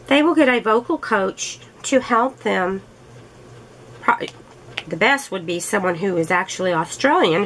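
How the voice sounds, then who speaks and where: Crafting-channel host, female, unhurried rambling chat, slight fry, faint background noise. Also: mid-range voice, a bit bright, rough recording. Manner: slow, rambling, chatty with laughs. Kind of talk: casual chat while crafting.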